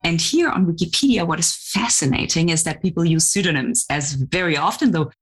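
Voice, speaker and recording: A middle-aged woman professor, a podcast guest, explaining her research in an articulate, measured way. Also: lowish voice, animated, slightly rough.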